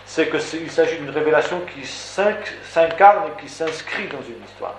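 A man's voice: on the high side, lively intonation, moderate pace. Emphatic French-speaking male preacher, echoey room. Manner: emphatic, rhetorical, builds with repeated phrases. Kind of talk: sermon teaching. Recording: echoey room with faint background noise.

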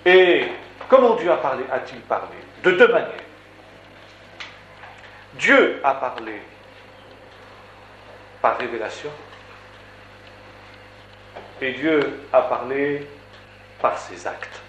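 A man's voice: medium pitch, expressive, slow, pauses often, a bit bright, lo-fi sound. A man preaching a sermon in an emphatic, rhetorical manner, building points through repeated phrases. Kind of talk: sermon teaching. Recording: echoey room with faint background noise.

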